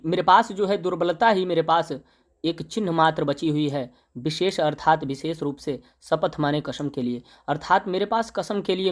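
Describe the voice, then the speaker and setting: A young male teacher explaining a poem line by line, slowly reciting the verse and then paraphrasing it in plain speech with fillers. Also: fairly high pitch.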